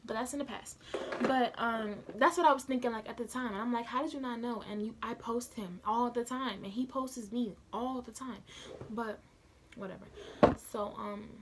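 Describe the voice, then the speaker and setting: A woman's voice: fairly high pitch, fairly even intonation, normal speed, noisy background. A young woman telling a personal story casually into a phone camera, chatty and slangy, building the drama as she retells it. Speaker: vlogger.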